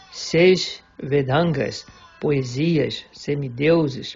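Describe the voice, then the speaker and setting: A man giving a measured, deliberate reading of a devotional religious text. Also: fairly high pitch, gravelly, darkish tone, husky. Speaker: reader of a devotional book. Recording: dull lo-fi recording with faint background music.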